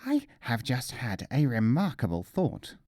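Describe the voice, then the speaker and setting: Man acting Mulla Nasrudin, wily and unhurried. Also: mid-range voice, very animated, a little mellow, no room sound, clean studio sound. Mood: self-important. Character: wily, self-satisfied male mullah, folk-tale wise fool.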